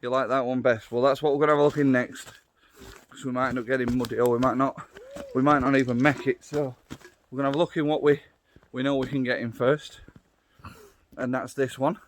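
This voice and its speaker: A man's voice: medium pitch, fairly even intonation, brisk, slight background noise. Middle-aged Yorkshire man chatting on a walk. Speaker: vlogger, walking guide. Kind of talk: casual walking vlog narration. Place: outdoors on a wooded trail. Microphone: phone held at arm's length.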